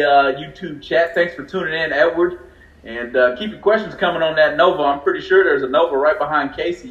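A man from California, chatty and excitable, talking in a fairly high voice. The sound is roomy and dull, with a lo-fi quality like a live stream captured in an open room. He laughs easily between his remarks. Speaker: co-host of a racing livestream. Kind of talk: casual livestream chat.

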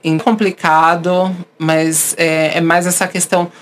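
A woman's voice: lowish voice, unhurried, slight background noise. A woman, a podcast host now interviewed, telling candid personal stories and acting out the people she quotes. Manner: animated, acts out the voices of people she quotes.

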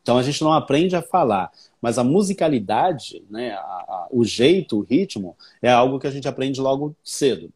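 A man's voice: medium pitch, animated, moderate pace, hardly any pauses, a little mellow, husky. A man from Brazil, a guest English teacher, explaining patiently with many examples. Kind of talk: explanatory conversation.

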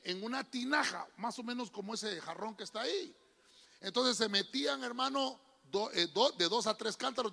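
The pastor's very high-pitched voice comes across as bright and forceful, with vocal fry. He delivers a sermon in a reverberant church hall, calling out to the congregation and addressing them again and again as "hermano," brother.

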